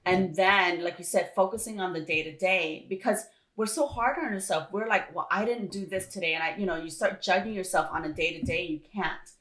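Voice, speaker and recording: A woman's voice: fairly low pitch, brisk, hardly any pauses, fairly bright tone, rough recording. A woman talking earnestly and encouragingly in a casual motivational chat, often repeating her points.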